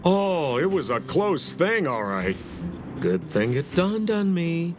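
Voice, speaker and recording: Sampo, a sly, wildly swooping rogue. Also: male voice, on the high side, big pitch swings, background noise. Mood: playful, smug. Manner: theatrical, teasing, drawn-out delivery. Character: sly, playful young male rogue, self-styled shadowy comic relief. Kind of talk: video game character acting. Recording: music behind the voice. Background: music.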